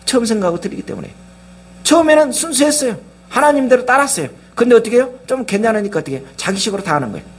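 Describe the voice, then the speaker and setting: Husky high-pitched preaching man. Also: big pitch swings, very fast. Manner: preaching with many questions to the congregation. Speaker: pastor. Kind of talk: sermon.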